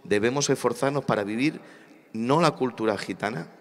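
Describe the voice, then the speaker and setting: Hall reverb fills the large congress hall as a Spanish man speaks on a church panel with medium pitch and normal speed. His impassioned delivery is preacherly, with phrases repeated for emphasis.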